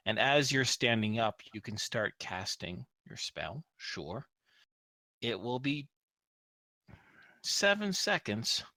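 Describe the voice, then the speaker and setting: A man's voice: mid-range voice, sing-song, takes it slowly, long pauses, pushed and bright, no room sound. A man acting as game master, narrating and refereeing a tabletop role-playing game in a conversational, explanatory way.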